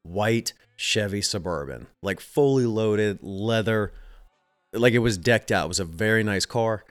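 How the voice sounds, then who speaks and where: Smooth and fairly low-pitched, this man's voice is unhurried despite a stuffy nose that makes it nasal. The Southeastern US host, in his thirties, rambles through a casual story over background music, chuckling and often cutting himself off to start again.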